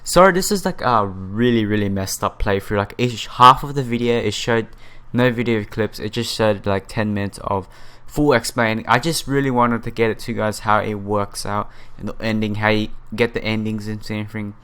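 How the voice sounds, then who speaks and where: Over background music, a man hosts a visual novel playthrough, reading and commenting casually while sometimes stumbling over his words. His lowish voice is clear, resonant and fairly bright, at a normal speed.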